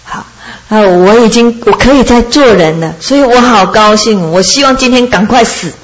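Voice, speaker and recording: A woman doing a soft-spoken, resigned talking sheep. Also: a little high, moderate pace, natural voice, rough recording. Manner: soft, earnest pleading.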